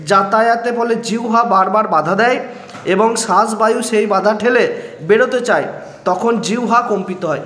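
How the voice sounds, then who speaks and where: A man's voice: high voice, a bit bright. A man teaching a recorded grammar lesson, patiently explaining step by step and sounding out single letters for his students. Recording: echoey room with long reverb and faint music.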